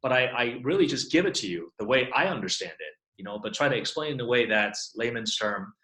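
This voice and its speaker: A man's voice: mid-range voice, animated, brisk, pushed and bright, reverberant, poor audio. A middle-aged man from Taiwan, a chiropractor, explaining his work in a casual online Q&A and filling his talk with "you know". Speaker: guest chiropractor. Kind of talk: online Q&A interview.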